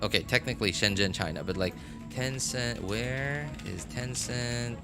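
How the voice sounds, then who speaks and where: Over background music, a man talks casually on a gaming livestream at a measured pace in a mid-range voice. He wanders through his thoughts, fixes his own slips and chuckles occasionally.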